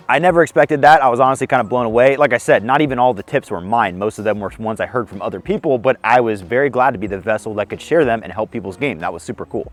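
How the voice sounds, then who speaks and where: A young man with a slightly hoarse, mid-range voice hosts a casual disc golf tips vlog, filmed outdoors on a course. He explains things in a friendly, self-deprecating way.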